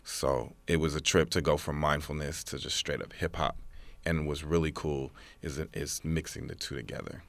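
A man's voice: very deep voice, little pitch movement, normal speed, gravelly. A male mindfulness instructor and hip hop artist talking in a laid-back, slangy way. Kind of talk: casual conversation.

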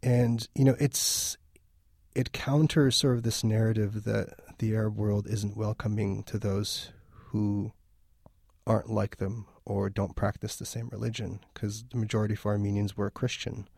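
A man's voice: on the low side, level tone, normal speed, gravelly, a little mellow, no room sound, studio quality. A man from Lebanon, a film festival organizer, talking thoughtfully in a radio interview with frequent restarts.

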